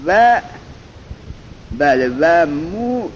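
A male teacher gives a seminary-style grammar lesson, quizzing his students and drawing out example words slowly. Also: on the high side, animated. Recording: dull lo-fi recording with faint noise.

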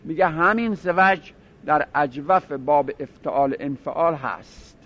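A man's voice: fairly high pitch, fairly bright tone. Man teaching grammar on a lo-fi recording. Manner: explains step by step, repeats and drills word forms. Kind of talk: seminary-style grammar lesson. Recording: dull lo-fi recording.

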